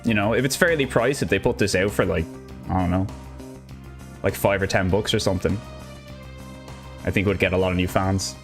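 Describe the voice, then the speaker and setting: A young man from Ireland chats casually through a live gameplay stream, upbeat and rambling in his Irish accent. His voice sits low and he talks briskly, with long pauses, over game music.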